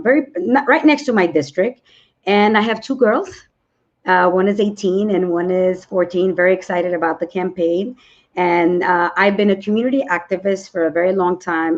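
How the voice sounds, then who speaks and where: A woman in her forties from New York City answers interview questions over a video call. Her voice sits on the low side, and the sound is dull and lo-fi. She talks earnestly and rambles, with many restarts. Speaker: congressional candidate guest.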